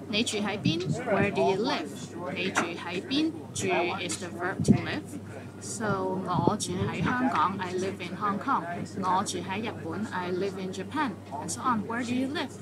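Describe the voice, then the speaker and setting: A woman teaching a language lesson, saying each phrase slowly and clearly, then translating it patiently. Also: medium pitch, heavy background noise. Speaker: Cantonese teacher.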